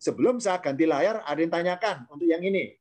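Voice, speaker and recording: A man's voice: on the high side, expressive, brisk, a little mellow. A man teaching an online grammar class, explaining patiently, repeating key terms and quizzing his students.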